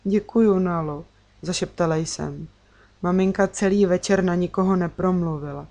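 Woman narrator for a children's audiobook, expressive first-person read. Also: on the low side.

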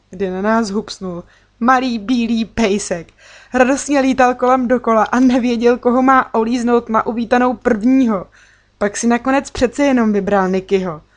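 Woman narrator for a children's audiobook, expressive first-person read. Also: on the high side.

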